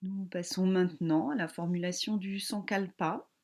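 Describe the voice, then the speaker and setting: Guiding listeners through a relaxation meditation, a woman yoga instructor speaks in a lowish voice. Her manner is calm and gentle, soothing, with long pauses between phrases.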